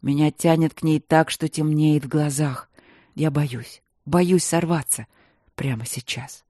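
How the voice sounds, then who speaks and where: A narrator putting on a hoarse, growling baron who is half bear, speaking slowly and low from deep in the chest. His voice is dark and dry. Every word sounds dragged out under strain. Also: steady tone, no echo, natural voice. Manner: slow, strained, barely holding himself back. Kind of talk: audiobook reading.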